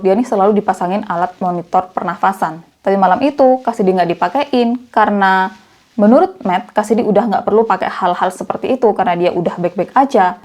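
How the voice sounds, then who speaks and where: A woman's voice: medium pitch, darkish tone. A young woman narrating a true crime case in a chatty, conversational way, as the channel's storyteller.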